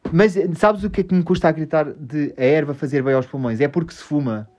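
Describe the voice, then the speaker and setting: Fast and fairly high-pitched, with a touch of mellowness, a man with a European Portuguese accent hosts a casual podcast. He rambles, teases himself, and drops frequent swear words.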